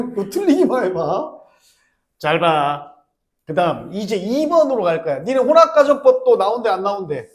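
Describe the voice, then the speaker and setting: Animated male teacher teasing his class. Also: high voice. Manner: teasing, animated, banters with students. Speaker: high school English teacher. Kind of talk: classroom lecture.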